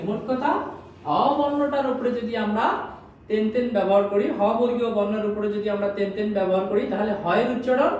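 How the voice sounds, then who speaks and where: A woman's voice: fairly high pitch, a little mellow. A woman with a Bangladeshi Bengali accent teaching a language class, drilling sounds over and over and answering her own questions. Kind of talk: classroom lesson. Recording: very echoey room, voice from far off, faint noise.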